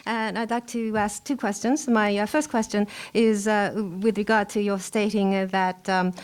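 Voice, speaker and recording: Woman, live interpreter voice, consecutive interpreting, smooth clear tone, halting phrasing, medium pitch. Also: fairly even intonation. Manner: halting, pausing often mid-phrase. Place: press briefing room.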